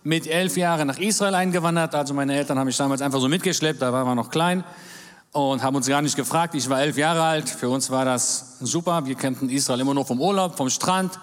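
A brisk, mid-range male voice belongs to a German-born man in his forties who is a guest speaker at a large church hall. He gives his talk jovially, with jokes and amens, and the recording carries the hall's reverb.

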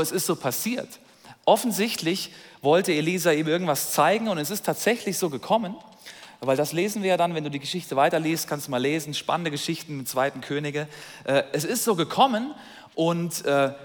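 A man preaching a sermon, retelling a scripture story with lively asides, in a large church hall. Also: fairly high pitch. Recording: long reverb of a large hall.

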